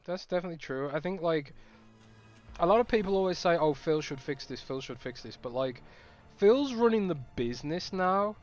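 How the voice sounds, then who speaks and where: A man's voice: on the high side, clear, resonant tone, muffled recording. A man streaming a game, chatting casually and thinking aloud with restarts. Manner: rambling, thinking aloud with fillers.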